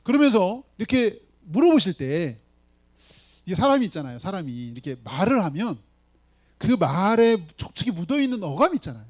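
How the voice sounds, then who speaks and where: A man's voice: high voice, big pitch swings, brisk, darkish tone. A male pastor preaching a sermon in a casual, conversational way, often checking in with the congregation. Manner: voices his own lines for Jesus in dialogue.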